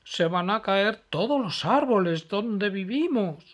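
A man's voice: sits high, lively intonation, slow, voice pushed up, heavily acted. A man voicing a little forest animal begging for help. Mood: pleading. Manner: pleading.

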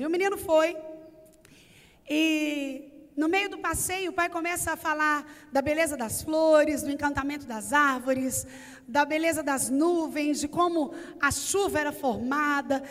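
High-voiced Brazilian woman preaching in an echoey church. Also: fairly bright tone. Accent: Brazilian Portuguese. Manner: earnest, builds emphasis through lists and repetition. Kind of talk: sermon. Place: church sanctuary.

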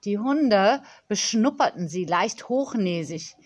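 A woman narrating a children's audiobook in a calm, clear storytelling manner. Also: medium pitch, slow.

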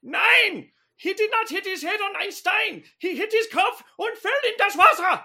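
A high, bright voice of a panicky male cat with a thick put-on German accent, as a woman plays him. He sputters and yells in broken English, mixing in German words. The comedy sketch plays him as flustered and loud. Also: slow pace, exaggerated voice. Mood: shouting.

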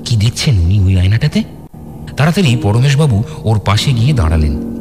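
Deep, animated male storyteller. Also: fairly quick, noisy background. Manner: expressive, acts out dialogue with rising pitch. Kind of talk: dramatic audio story narration. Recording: reverberant with loud background music.

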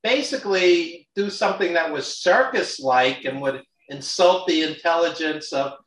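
A man with a Brooklyn accent talks casually and bluntly, airing strong opinions. His voice sits a little high, and the recording is roomy, as if he is some way from the microphone. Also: moderate pace, fairly bright tone. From New York. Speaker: guest, wrestling industry insider. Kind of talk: casual chat. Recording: roomy, echoey, distant from mic.

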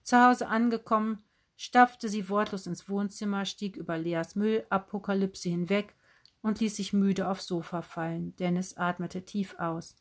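A woman narrates a story for an audiobook. Her delivery is steady and clear, sitting at an ordinary middle pitch. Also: a little slow. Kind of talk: scripted narration.

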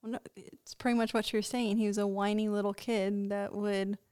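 Flat, mellow woman in dry close sound. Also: mid-range voice, normal speed, smooth, dry recording. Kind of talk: casual chat.

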